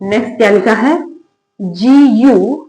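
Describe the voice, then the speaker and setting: A woman's voice: fairly high pitch, moderate pace, poor audio. A woman teaching an English lesson in Hindi, repeating each word and asking herself questions before she answers them. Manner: repetitive call-and-response drilling, asking and answering her own questions.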